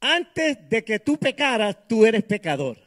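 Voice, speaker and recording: A man preaching and praying live in short, emphatic phrases, pausing for an interpreter and checking in with listeners. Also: extremely high pitch, sing-song, a bit bright. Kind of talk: live bilingual sermon and prayer, pausing for an interpreter.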